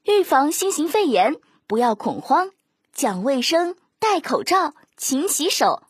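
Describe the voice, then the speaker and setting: A woman's voice: sits high, very animated, unhurried, no echo, clean studio sound. A woman narrating a children's story in a sing-song, coaxing way.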